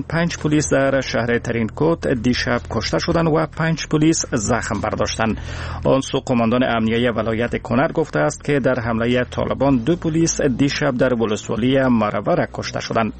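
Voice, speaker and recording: A man reads scripted radio headlines as a formal newsreader. His Afghan accent comes with a solemn, measured formality, and his voice sits at an average pitch. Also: a little hiss or hum.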